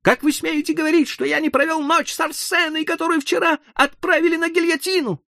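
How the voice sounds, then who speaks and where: A man voicing a frantic young man who insists he is sane, crying out in a shrill, pleading voice. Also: fairly even intonation, fairly quick, creaky, pushed and bright, dry recording, clean studio sound, exaggerated voice.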